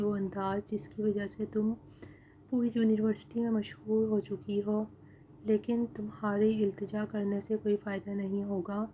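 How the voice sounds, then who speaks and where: A cold, boastful young villain who sneers and threatens in a level, unhurried way, as a woman narrator reads his lines. The voice stays mellow and low-key, with little rise and fall. It is a storybook reading. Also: a little hiss or hum, close to an everyday voice. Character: cruel arrogant young man, vengeful kidnapper.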